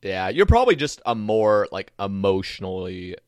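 A young man with a fairly low voice, rambling through a story in quick bursts with casual swearing. The sound is close and dry, with little room around it. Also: very animated, a little mellow, no room sound. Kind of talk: casual chat.

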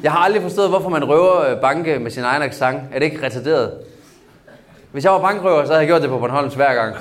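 A man's voice: fairly high pitch, expressive. A man with a Danish accent doing a crude, ranting stand-up set with crowd banter on a club stage. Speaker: stand-up comedian. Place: club stage with live audience. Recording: live club crowd audible. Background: audience laughter.

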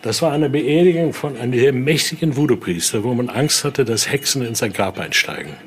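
The speaker is a museum guide and voodoo expert giving an informal tour of an indoor exhibition room, explaining things and often adding little tag questions. He talks fairly quickly in a medium-pitched voice with lively intonation, and faint location noise is present.

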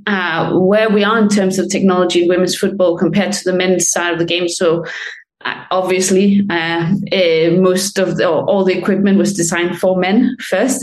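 Woman explaining with many fillers. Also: mid-range voice. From Denmark. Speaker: sports medicine lecturer, guest. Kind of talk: conversational interview answers.

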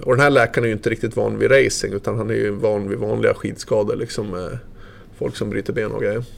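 Gravelly-voiced man telling a story. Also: mid-range voice, darkish tone. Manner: vivid, loose retelling full of fillers and mild swearing. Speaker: former ski racer guest. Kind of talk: casual storytelling.

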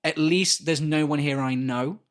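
A man's voice: fairly high pitch, unhurried. A man co-hosting a podcast, telling a story in casual, sweary chat and acting out the people in it. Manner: animated, swears freely, acts out voices in anecdotes. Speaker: podcast co-host.

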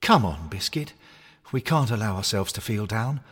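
A man's voice: on the low side, big pitch swings, moderate pace, fairly bright tone, slightly rough, big-room sound, full character voice. A man voicing a cheerful male hornet mascot toy who talks in an earnest, coaxing way. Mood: encouraging. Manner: earnest, coaxing pep talk.

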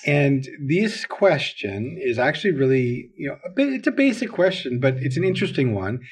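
A man from Minnesota with a clear Minnesotan accent, chatting casually as a podcast co-host. His voice is husky and a little breathy, relaxed and easygoing, full of small fillers and quick reactions. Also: a little high.

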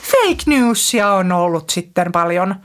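A woman co-hosting a podcast in casual chat, quick with short replies and playful exclamations. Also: fairly low pitch, very animated, background noise. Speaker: podcast co-host.

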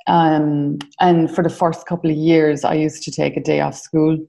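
As a guest on a podcast, a woman from Ireland in her forties answers questions casually, stumbling into frequent ums and restarts. She has a deep, gravelly, warm voice, speaking with a level tone at a moderate pace.

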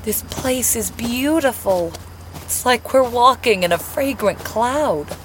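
An actress playing an excitable, romantic wife, gushing and enthusiastic. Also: female voice, fairly high pitch, takes it slowly, a little hiss or hum.

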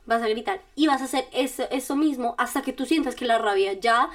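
Speaking briskly in a high voice, a woman hosting a podcast offers step-by-step self-help directions. Her manner is informal and chatty, punctuated by little laughs, and she addresses the listener directly.

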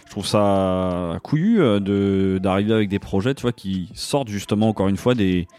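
Relaxed man presenting music tracks. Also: lowish voice, moderate pace, smooth, no room sound. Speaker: music show co-host. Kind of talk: casual music chat and presenting.

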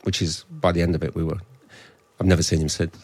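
A man's voice: sits low, level tone, fast talker, darkish tone, no echo. A man in his fifties, a newspaper columnist, telling a story in a hesitant, self-deprecating way. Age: 50s. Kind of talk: casual chat.

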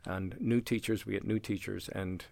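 This older man, director of a language center, has a lowish, creaky voice with no echo and keeps a moderate pace. Chatting in a casual interview, he tells stories with lively energy, acting out conversations and laughing a lot.

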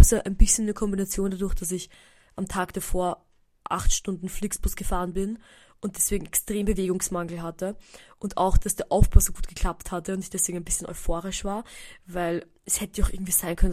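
This young podcast host, speaking indoors at home, has an Austrian German accent and a warm, mid-range voice with fairly even intonation. Congested from a cold that has stuffed up her nose, she still rattles on fast in her solo show, chatty and rambling, with English words mixed in.

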